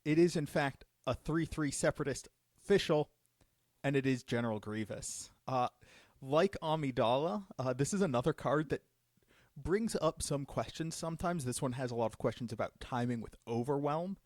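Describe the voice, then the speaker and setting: A man's voice: medium pitch, moderate pace, darkish tone, no room sound, studio quality. A man hosting a live stream Q&A, casually revealing cards with enthusiasm. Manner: enthusiastic, upbeat card reveals. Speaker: judge program host.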